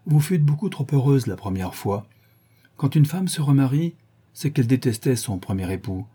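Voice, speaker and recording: A man voicing a witty, cynical aristocratic gentleman who trades languid paradoxical quips. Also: mid-range voice, big pitch swings, normal speed, husky, pitched above the performer's own voice. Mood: wry.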